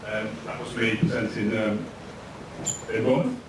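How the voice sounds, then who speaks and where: At a tech meetup, a conference speaker in his thirties from Lancashire, England, talks to the room in an easygoing, conversational way, often stopping for "ums." His pitch is fairly low, and the audio suffers from echo, noise, and a far-off microphone.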